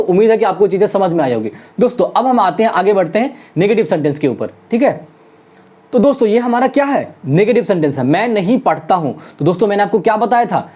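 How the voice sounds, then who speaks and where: A teacher with a mellow, dark-toned voice works through a lesson, calling the viewers friends again and again. Each question is posed to the class and then answered at once. Example sentences in English are drawn out slowly, one word at a time, and said more than once. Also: mid-range voice.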